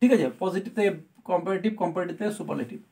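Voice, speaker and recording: A woman's voice: on the low side, fast talker, gravelly, warm tone. A woman teaching a grammar lesson to students. She explains step by step and keeps checking that they follow. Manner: explains patiently, often checks with "right?".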